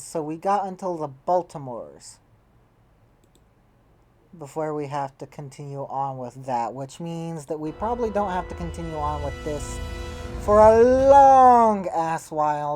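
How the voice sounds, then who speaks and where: A woman with a deep, low voice talks slowly through a strategy game, thinking aloud as she tallies figures. She often trails off mid-thought. Faint game music plays underneath. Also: warm tone. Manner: musing, trailing off mid-thought while tallying numbers. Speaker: game player. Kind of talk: casual gameplay commentary, thinking aloud.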